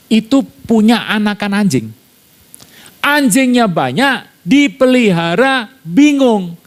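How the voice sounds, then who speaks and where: A middle-aged man preaches by telling a personal anecdote, animated and conversational. His voice sits somewhat high for a man. It swings widely in pitch as he slips in and out of quoted dialogue. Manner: lively anecdotal storytelling, acts out family dialogue. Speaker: pastor. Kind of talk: storytelling sermon.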